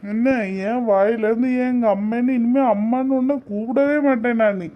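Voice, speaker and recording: Bitter angry son. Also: male voice, very high voice, fairly even intonation, moderate pace, lo-fi sound. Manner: angry, resentful. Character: bitter young village man, disowning his mother.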